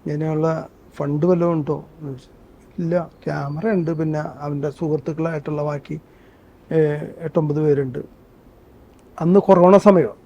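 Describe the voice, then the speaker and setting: A man's voice: a little high, fairly even intonation, moderate pace, long pauses, dark tone, slightly rough. A man, a guest telling stories in an interview. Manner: earnest storytelling, breaks into song. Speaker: interview guest, actor and singer. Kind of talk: conversational interview with sung excerpts. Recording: dull muffled sound.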